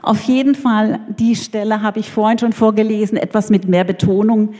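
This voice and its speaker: A woman preacher retelling a story in a lively sermon. She talks in an animated, chatty way and drops in little jokes. Her voice carries through a church hall with a long reverb. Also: medium pitch, normal speed. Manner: animated, conversational, jokey.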